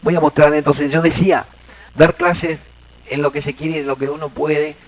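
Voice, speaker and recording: A man with an Argentine Spanish accent giving a lively seminar lecture as a Guaraní language teacher, joking and quizzing the audience. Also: a little high, normal speed, phone-quality sound. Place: seminar hall.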